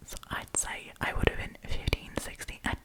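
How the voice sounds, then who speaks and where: An ASMR storyteller, female, reads and chats casually in a soft, breathy whisper. The pace is moderate and the feel friendly and informal.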